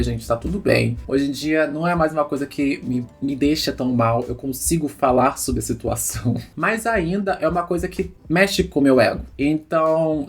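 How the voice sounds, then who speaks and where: Brazilian vlogger talking straight to the camera, husky kinda breathy voice, thoughtful and confiding. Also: mid-range voice, a little mellow. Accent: Brazilian Portuguese. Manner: reflective and confiding, often addresses viewers as "gente". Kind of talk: candid personal vlog talk.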